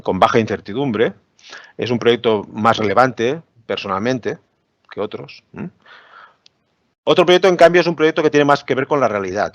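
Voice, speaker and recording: A man's voice: mid-range voice, no room sound. A man giving an academic lecture on education with slides, explaining patiently and often asking "¿no?" to check that listeners follow. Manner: explanatory, many "¿no?" tag questions. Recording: dry, dull lo-fi webinar audio.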